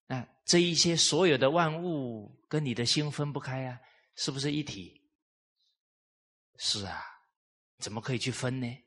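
Guy teaching a live class, husky voice, mid pitch, lots of questions thrown at the room. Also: moderate pace, pauses often. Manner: lively storytelling with rhetorical questions to the audience. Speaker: lecturer on traditional culture. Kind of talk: live lecture to an audience.

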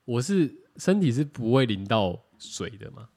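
A man's voice: medium pitch, normal speed, husky. Rambling man. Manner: rambling, animated, self-correcting. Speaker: podcast co-host. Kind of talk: casual chat.

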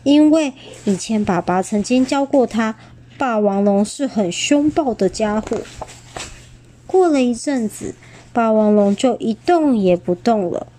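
A woman reading a picture book aloud, gentle and exclaiming, pausing to chat with her listener. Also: on the high side, lively intonation, slight background noise. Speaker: storyteller.

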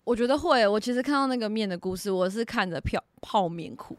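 A woman's voice: medium pitch, animated, quick pace. A woman from Tainan with a Taiwanese Mandarin accent, speaking earnestly in a casual chat.

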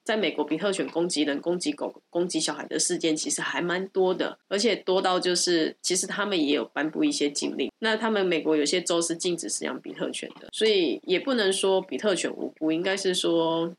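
A Taiwanese-accented woman with a somewhat low, congested nasal voice talks through her views as a podcast co-host. She explains at length in a casual, opinionated way, over audible ambient noise. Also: fairly quick, few pauses. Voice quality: nasal, stuffy nose.

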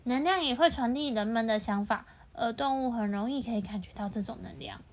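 A woman's voice: a little high, a little fast, slight background noise. A woman reading a picture book aloud to a child, patiently explaining and asking the child questions.

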